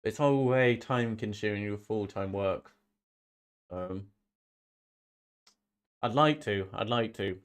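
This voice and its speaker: A man with a fairly low, clear, resonant voice speaks slowly, leaving long pauses. He's a streamer hosting a football watch-along, nursing a slight, sniffly head cold, and his casual talk rambles with frequent repeated phrases.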